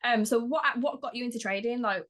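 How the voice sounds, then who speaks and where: A woman hosting an interview, upbeat and quick to laugh along with her guest. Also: on the high side, a bit bright. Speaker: interview host.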